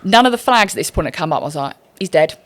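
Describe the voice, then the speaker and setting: British woman telling animated, sweary stories. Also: lowish voice, very fast. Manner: sweary, self-mocking, acts out quoted speech. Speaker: interview guest, racing team member. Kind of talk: casual podcast anecdote telling.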